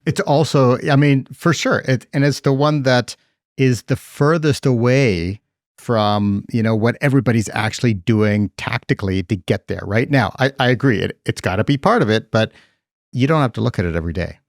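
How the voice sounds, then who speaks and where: Gravelly-voiced chatty podcast host. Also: male voice, mid-range voice, normal speed, dry recording, clean studio sound. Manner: chatty, laughs often, tag questions like "right?". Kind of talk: casual podcast interviewing.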